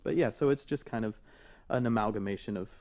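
A man in his thirties, a singer-songwriter guest on a radio show, talking in an animated, self-deprecating way with many fillers. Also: on the low side, fast talker. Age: 30s. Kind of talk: radio interview. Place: radio studio.

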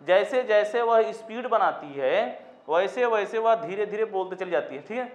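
A man's voice: high voice, animated, moderate pace. A man teaching a Sanskrit coaching class, repeating mnemonic chants and asking the students questions. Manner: sing-song repetition of mnemonic chants, rhetorical questions to students. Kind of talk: exam-prep classroom lesson with mnemonic stories. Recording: roomy classroom, dull lo-fi sound.

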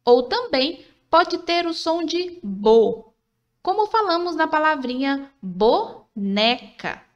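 A woman's voice: sits high, lively intonation, muffled recording. A woman narrating a scripted literacy lesson for children, patient and encouraging, sounding out syllables one by one. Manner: slow, patient, syllable-by-syllable teaching; encouraging, asks questions then answers them.

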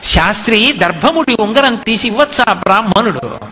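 A man voicing a motherly river goddess who gently chides, speaking slowly and softly in a long reverberant hall. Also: high voice, expressive. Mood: gently chiding.

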